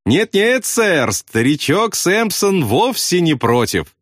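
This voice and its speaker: Man doing a clownish young pilot, shrill and high, shouting, lively, dry sound. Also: normal speed, no room sound. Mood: gleeful. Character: young clownish male pilot, jovial and excitable.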